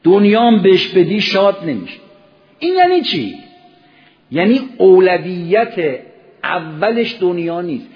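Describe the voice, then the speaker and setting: A man preaching a religious sermon, telling stories and acting out short dialogues, swinging between loud emphasis and soft, low asides. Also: very animated, muffled recording. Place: religious gathering hall.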